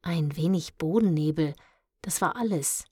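A woman tells a children's story in the first person, slowly and calmly, in a fairly low voice. The reading is measured and even. The sound is dry and close, with no room around it. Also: husky, dry recording. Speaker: audiobook reader.

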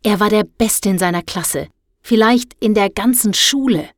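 A woman narrating a story in a measured, steady reading manner. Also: mid-range voice, no echo, clean studio sound. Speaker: audiobook narrator. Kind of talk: scripted narration.

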